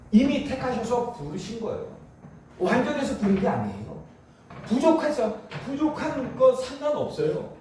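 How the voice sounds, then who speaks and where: A man preaching a sermon as pastor, lively, with rhetorical questions to the congregation and chuckles as he speaks. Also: very high voice, a little hiss or hum. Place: church sanctuary. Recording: echoey church from far off.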